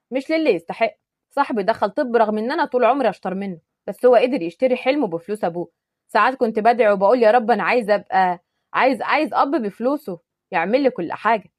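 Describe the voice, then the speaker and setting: A woman's voice: a little high, dry recording, studio quality. A woman voicing a joking young man with an Egyptian accent in a told story. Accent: Egyptian Arabic. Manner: joking, teasing. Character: young man, teasing joker with a soft heart.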